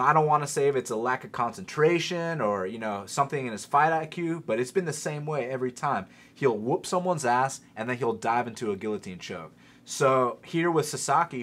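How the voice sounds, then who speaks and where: Male podcast host, bright forceful tone, animated casual fight-betting chat. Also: medium pitch. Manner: animated, fast-talking, swears casually. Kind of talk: casual sports betting talk.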